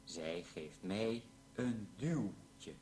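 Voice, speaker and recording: Male drill reader: very slow, deliberate, lively intonation, mid pitch. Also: a little hiss or hum. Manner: slow, carefully pronounced sentences. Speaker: language teacher reading examples. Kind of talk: slow read-aloud language drill.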